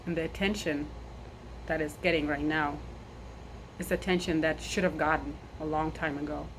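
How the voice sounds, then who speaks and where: Standing outdoors in the wind, a South Sudanese nurse and army veteran in her thirties speaks earnestly to camera about her story. Her pace is measured, and she repeats phrases for emphasis. Her voice is low-pitched with fairly even intonation, and the outdoor recording is noisy with wind.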